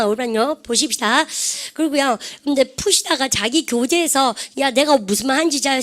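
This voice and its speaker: A woman's voice: high voice, fairly bright tone. A woman English teacher giving an online grammar lecture, quizzing her students with constant questions and drilling English words aloud.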